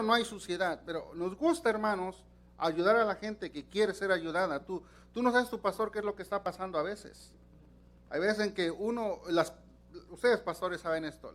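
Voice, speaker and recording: High-voiced animated preacher. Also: male voice. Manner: animated storytelling, acts out voices, repeats words. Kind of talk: sermon.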